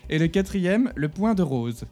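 A man's voice: sits high, sing-song, measured pace, a little mellow, faint music behind. Playful French radio co-host, man. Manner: playful, laughs often. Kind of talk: casual chat and quiz.

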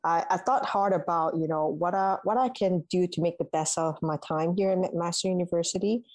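A young woman from Malaysia, a university alumna answering interview questions in a measured, thoughtful way, with ums and restarts. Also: fairly low pitch, darkish tone, no room sound, rough recording. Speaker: guest, alumna.

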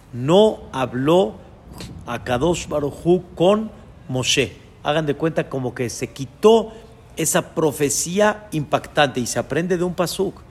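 High-voiced rabbi teaching in a hall. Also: male voice, slightly rough. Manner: earnest teaching tone, weaves in Hebrew terms. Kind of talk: sermon lesson on scripture.

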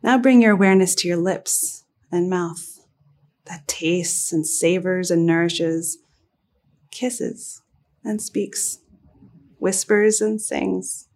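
A woman leading a guided gratitude meditation in a soft, soothing, unhurried manner. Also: lowish voice. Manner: soft, unhurried, soothing delivery with long pauses.

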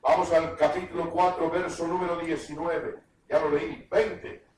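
A man preaching a fervent sermon, reading scripture aloud and breaking into shouted emphasis. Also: a little high, level tone, a little slow, slight background noise. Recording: echoey room, voice from far off the mic.

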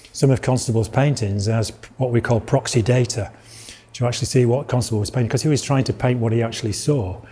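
A man's voice: mid-range voice, mellow, slightly rough. A middle-aged man with a Yorkshire accent giving an illustrated lecture, rambling with restarts and asides.

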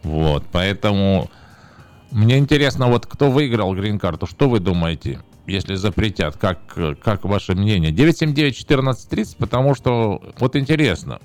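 A man co-hosting a casual radio talk show, teasing and sarcastic as he asks listeners to call in. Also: low voice. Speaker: radio host.

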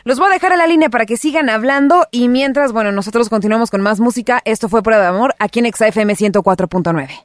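A radio host running an on-air prank call, calmly trying to mediate. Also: mid-range voice, fast, few pauses, no room sound, clean studio sound. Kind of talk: radio prank segment hosting.

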